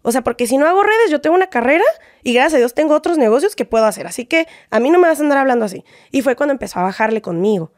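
Chatty young Mexican woman, high voice. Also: animated, very fast, no room sound, clean studio sound. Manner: chatty storytelling, acts out quoted dialogue. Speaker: interview guest. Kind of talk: casual interview.

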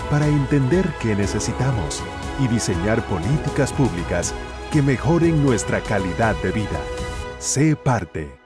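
A man reading a public service ad voice-over in a persuasive announcing style. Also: medium pitch.

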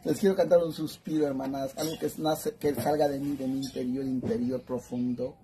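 A man's voice: medium pitch, little pitch movement, normal speed, warm tone, slight background noise, rough recording. A man with a Mexican accent chatting on a phone live stream, campy, brash and foul-mouthed, calling his viewers sisters. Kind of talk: casual live-stream chat.

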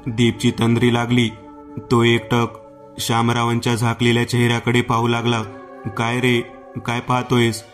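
Male horror storyteller, Marathi accent, very flat even delivery, faint music under it. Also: medium pitch. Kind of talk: scripted horror story narration.

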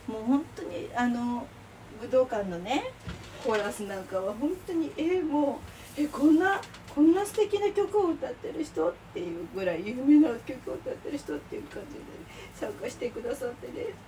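Her voice sits high and sounds expressive, with a dark tone and normal speed. She's a middle-aged vlogger making lunch boxes at home, rambling along, exclaiming and laughing in casual chat, recorded on a distant mic with clear kitchen noise.

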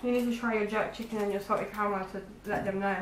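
In an echoey room with a faint hiss, a woman in her 20s from London co-hosts a casual food taste-test vlog, chatty and teasing. Her medium-pitched voice keeps fairly even intonation at a quick pace.

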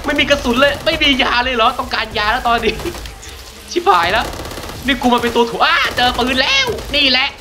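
Jumpy Thai gamer man shouting over gunfire. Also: very high voice, background noise. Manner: rapid repeated words, frequent swearing. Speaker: gaming streamer. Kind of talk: excited live commentary while playing. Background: game music and gunfire.

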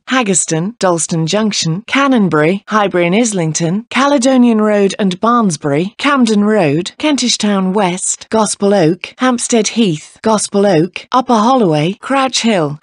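A woman with an English accent reading scripted railway announcements in a formal, measured, pieced-together way. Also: medium pitch, no echo, clean studio sound. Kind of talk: scripted train station announcements.

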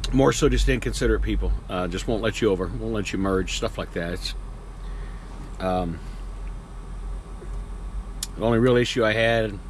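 A truck driver in his fifties vlogs from his truck cab at night, having earlier been outdoors at a loading yard. His voice is on the low side with a little hiss or hum, and his casual monologue rambles along full of fillers.

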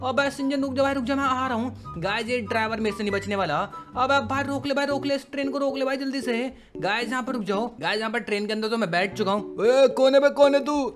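A man doing excitable, slangy gameplay commentary and keeps calling out to viewers as guys. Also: very high-pitched, fast, few pauses, over music. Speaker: gaming YouTuber.

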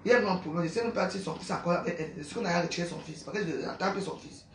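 A woman's voice: fairly low pitch, very fast, echoey room, a little hiss or hum. A woman, a widow, ranting emphatically about her neighbors from her home, repeating herself and throwing in tag questions. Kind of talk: emotional monologue. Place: at home in an apartment building.

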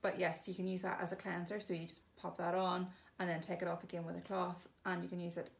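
A woman presenting in a shop casually demonstrates bathroom products, explaining each plainly with frequent ums. Her voice is fairly low, level, and creaky, and she talks fast.

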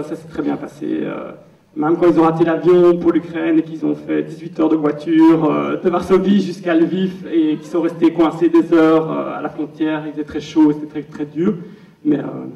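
A chatty man, a film director, speaks casually and pokes fun at himself. His voice sits fairly high and has a gravelly edge. He sounds distant and dull in an echoing hall. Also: flat delivery, moderate pace. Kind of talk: casual talk at a premiere Q&A.

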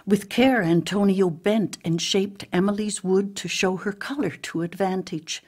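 Slow, husky woman storyteller. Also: medium pitch, steady tone, a little mellow. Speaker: narrator. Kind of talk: storybook reading.

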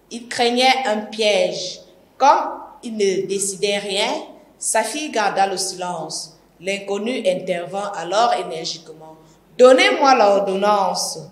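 Slow-reading Cameroonian woman teacher. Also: mid-range voice. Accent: Cameroonian French. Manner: careful, measured reading. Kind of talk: reading a novel aloud for a lesson. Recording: echoey room.

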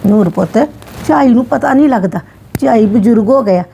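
A woman's voice: fairly high pitch, lively intonation, normal speed, vocal fry, dark tone, slight background noise. Woman playing a soothing middle-aged grandmother. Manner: soothing, placating, affectionate. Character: soft-hearted middle-aged grandmother, mother-in-law. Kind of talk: scripted family drama.

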